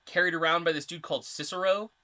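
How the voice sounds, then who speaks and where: A man's voice: fairly high pitch, steady tone, fast talker, sharp tone. Male podcast co-host, casual, rambling lore explainer. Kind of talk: casual chat.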